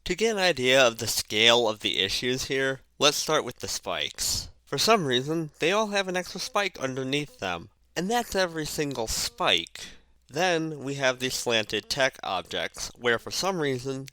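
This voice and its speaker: A man's voice: medium pitch, expressive, moderate pace, bright, forceful tone, no room sound. Lisping man with oddly placed emphasis. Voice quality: lisp. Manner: puts odd emphasis on random words; casual, profane, sardonic. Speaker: video narrator and reviewer. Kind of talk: casual scripted video essay commentary. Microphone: cheap headset mic.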